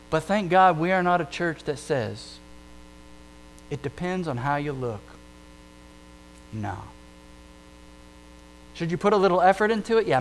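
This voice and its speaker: High-voiced guy preaching, chatty, lots of rhetorical questions, hum in the background. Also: poor audio. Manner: conversational, animated, rhetorical questions. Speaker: pastor. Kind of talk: sermon.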